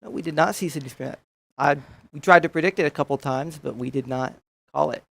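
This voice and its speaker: A young man doing play-by-play for a college esports match, steady and matter-of-fact. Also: on the high side, fairly quick, creaky. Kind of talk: casual esports commentary.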